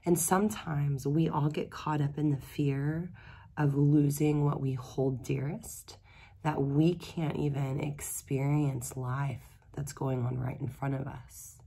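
A woman who is losing her voice, speaking hoarsely and reflectively as she gives a daily tarot reading. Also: deep voice, steady tone, takes it slowly, dark tone. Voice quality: gravelly, husky voice. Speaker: tarot reader.

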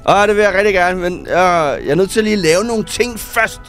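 A high-pitched man talks through a game with quick excitement. He reads the on-screen text aloud and sprinkles in English gaming words. Soft music plays faintly behind his desk-mic voice. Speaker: gaming YouTuber. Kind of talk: excited gameplay commentary.

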